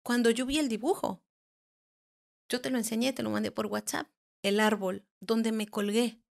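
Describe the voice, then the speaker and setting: Creaky-voiced woman telling her story. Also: a little high, steady tone, darkish tone. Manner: halting, with many restarts and searching for words. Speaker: podcast guest, therapist. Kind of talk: recounting a personal paranormal experience.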